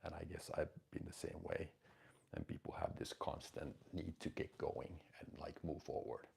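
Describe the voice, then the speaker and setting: A man in his forties talks live to his viewers with a very low, gravelly voice. His tone is rough and husky, and he coaches bluntly and emphatically, swearing now and then. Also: big pitch swings, moderate pace, darkish tone. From Finland. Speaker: host of a live stream. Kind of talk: casual live-stream talk answering chat questions.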